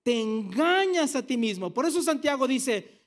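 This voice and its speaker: A man's voice: very high-pitched, sing-song, moderate pace. A man. He asks the congregation questions and teases them with jokes as he explains the text. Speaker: pastor. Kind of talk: sermon to a congregation.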